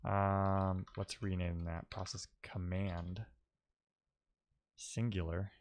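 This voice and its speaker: A man with a low voice and little pitch movement streams live coding, talking casually and haltingly as he thinks aloud and mutters to himself while working. There's slight background noise.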